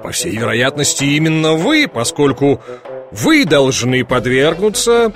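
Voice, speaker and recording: A man reading an audiobook, voicing a sly police chief who feigns sympathy and teases with drawn-out pauses. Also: a little high, very animated, music in the background. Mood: mock-sympathetic. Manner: measured, drawn-out teasing pauses.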